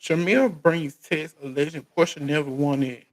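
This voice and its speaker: A man's voice: fairly high pitch, a little slow, rough recording. An American man hosting a casual live recap, speaking in informal colloquial phrasing and often restarting and repeating his phrases. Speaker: recap show host. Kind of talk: casual live recap chat about reality TV.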